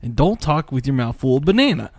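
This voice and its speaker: A man's voice: mid-range voice, big pitch swings, quick pace, a little mellow, dry recording, studio quality. A man hosting a horror podcast in casual, blunt banter, swearing freely. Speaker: podcast host.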